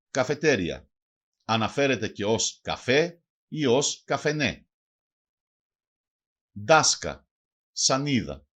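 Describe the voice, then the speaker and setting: A man reads a scripted language lesson, his pitch rising and falling in an animated way. He says each word and then its translation in a steady, measured teaching rhythm. His voice sits at an ordinary middle pitch for a man. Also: breathy edge. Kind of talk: scripted bilingual lesson narration.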